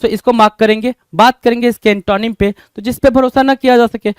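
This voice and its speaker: High-voiced Indian man teaching vocabulary. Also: steady tone, a little fast, clear, resonant tone, dry recording. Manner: keeps asking the class rhetorical questions, calls them "bhai". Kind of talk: exam-prep vocabulary lesson.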